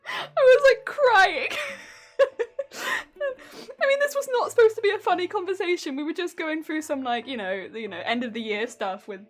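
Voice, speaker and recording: A woman's voice: high-pitched, animated, brisk, soft background music. A young woman with a Hampshire English accent chatting casually on a stream, telling a story and often breaking into laughter. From England. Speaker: cosplay streamer.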